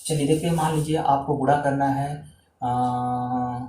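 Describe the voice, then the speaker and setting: A man teaching a maths trick to children, counting aloud as he works through each step in an encouraging way. His voice has a mid pitch and carries clearly through a roomy, echoing space. A faint hum of room noise sits beneath him. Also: fairly even intonation, measured pace, dark tone. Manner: counting aloud while drawing lines, encouraging. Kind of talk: whiteboard maths lesson.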